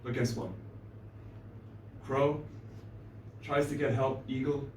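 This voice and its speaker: Male storyteller at a live venue; unhurried, dramatic pauses, echoey room, far from the mic. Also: medium pitch, fairly even intonation, a little hiss or hum. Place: small live venue stage. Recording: roomy live stage, distant mic.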